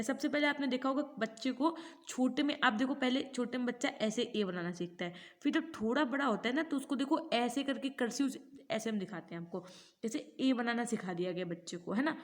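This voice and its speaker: A woman teaches a teacher-training class online, explaining each point step by step. She often asks her students to answer her, and her voice sits a little high for a woman.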